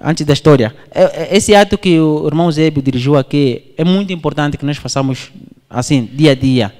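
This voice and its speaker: A man from Angola preaching a sermon, telling a story with his voice swinging up and down. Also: moderate pace. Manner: animated storytelling, voice swings high and low. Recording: long hall reverb.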